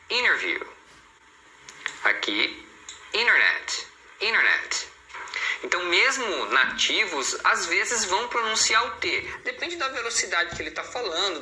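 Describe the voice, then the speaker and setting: Bright-voiced Brazilian man teaching pronunciation. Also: fairly high pitch, roomy sound, rough recording. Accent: Brazilian Portuguese. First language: Portuguese. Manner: patient, reassuring, repeats each example word twice. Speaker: English teacher. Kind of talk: recorded online pronunciation lesson.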